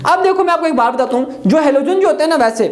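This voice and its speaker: A man's voice: very high-pitched, lively intonation, fast. A male chemistry teacher, lecturing students by posing questions, answering them himself and repeating key terms. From Pakistan. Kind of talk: classroom lecture. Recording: echoey room.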